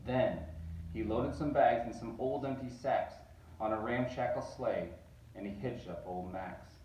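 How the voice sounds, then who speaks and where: A man reading a picture book aloud, animated and rising on repeated words. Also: mid-range voice, unhurried, a little hiss or hum. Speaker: reader. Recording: roomy echo, distant mic.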